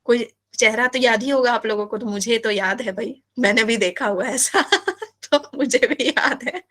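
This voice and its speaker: Woman, biology teacher, animated, playful, bright tone, fairly high pitch. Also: moderate pace. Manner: animated, playful, asks students questions. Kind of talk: live class lecture.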